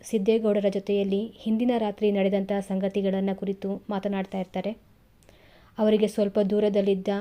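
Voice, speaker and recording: Mellow-voiced woman telling a story. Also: medium pitch. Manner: expressive, colloquial narration. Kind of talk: reading a short story aloud.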